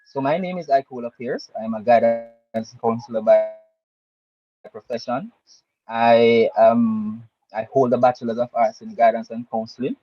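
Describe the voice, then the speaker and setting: A man's voice: mid-range voice, normal speed, soft background music. A man giving a formal, wordy self-introduction as a panelist. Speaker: panelist, guidance counselor. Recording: dry, dull online call.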